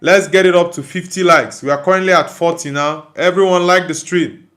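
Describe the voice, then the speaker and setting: A Nigerian man runs a football stream in a relaxed, conversational way, reading out comments and replying. His voice is slightly high and fairly bright, with fairly even intonation and a fairly quick pace.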